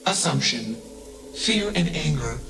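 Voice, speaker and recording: An emotionless machine mind, speaking in flat, clipped, labelled statements at an unhurried pace. Its voice has a gravelly grain and swings up and down in pitch. It sounds roomy and echoey, with music playing behind it in the game scene. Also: male voice, exaggerated voice. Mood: cold, logical. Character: emotionless male machine intelligence, coldly logical. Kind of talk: video game cutscene voice acting.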